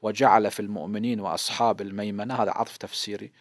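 A man's voice: fairly low pitch, steady tone, racing, no room sound, studio quality. A man in his fifties with an Iraqi Arabic accent, a cleric giving a seminary lesson on hadith, explaining patiently and posing questions he then answers himself. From Iraq. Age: 50s.

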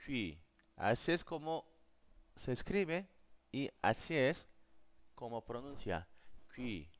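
Slow, patient man teaching live. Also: mid-range voice, very animated. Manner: slow, patient, answers viewers' questions. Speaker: Korean teacher. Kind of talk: live online class.

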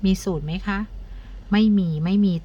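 A woman's voice: normal speed, warm tone, lo-fi sound. A woman teaching an abacus multiplication lesson, counting the digits aloud step by step and asking her pupils for each answer.

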